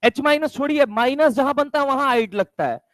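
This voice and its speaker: A man's voice: extremely high pitch, a little fast, a bit bright, dry recording. Guy teaching chem in a mix, asks stuff then answers it, says over and over, dry close sound. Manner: asks and answers his own questions, repeats key terms; calls listeners "my brother". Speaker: chemistry teacher. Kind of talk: classroom lecture.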